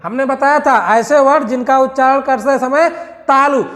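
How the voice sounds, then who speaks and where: A man's voice: very high-pitched, fairly even intonation, a bit bright, long reverb tail. A male teacher going through exam questions, sounding out letters one at a time and asking the class rhetorical questions. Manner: slow, drawn-out letter-by-letter drilling with rhetorical questions. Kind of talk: exam-prep lesson.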